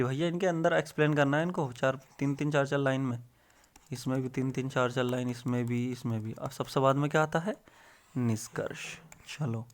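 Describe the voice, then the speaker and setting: A young man teaching exam tips in a casual, rustic way, calling his viewers brother and friend. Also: mid-range voice.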